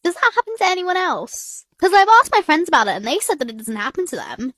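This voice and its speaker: A woman's voice: very high voice, big pitch swings, fast, a bit bright, no echo. A young woman complaining casually in a vlog. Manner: complaining, questioning.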